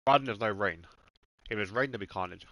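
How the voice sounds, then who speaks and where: Bright-voiced man, casual and sweary. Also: fairly low pitch, quick pace, no echo, rough recording. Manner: laid-back, swears freely, talks to his dog and chat. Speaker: streamer hosting a racing game stream. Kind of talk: casual chat while eating on stream.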